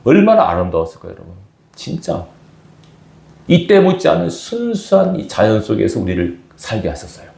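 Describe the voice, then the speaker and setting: Lively, gravelly-voiced male pastor preaching. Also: fairly low pitch, brisk, echoey room. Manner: lively preaching with rhetorical questions to the congregation. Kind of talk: sermon. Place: church sanctuary.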